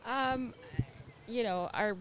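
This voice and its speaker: Stopped outdoors by an interviewer, this adult with children answers slowly in a medium-pitched, slightly bright voice. Born in Russia and raised in Israel and Canada, they chat casually but earnestly and thoughtfully, laughing often over the noise of a bustling crowd.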